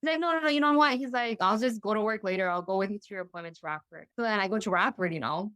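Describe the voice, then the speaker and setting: Young woman, chatty guest storyteller; smooth voice, dry close recording. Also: mid-range voice, rapid-fire, fairly bright tone, no echo. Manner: chatty, full of "you know" and "like", acting out quoted voices. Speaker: interview guest. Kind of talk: casual storytelling.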